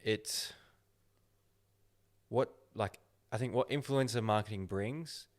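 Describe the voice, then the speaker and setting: A man hosting a casual podcast chat, talking slowly and deliberately as he gives his opinions. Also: lowish voice. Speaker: podcast host.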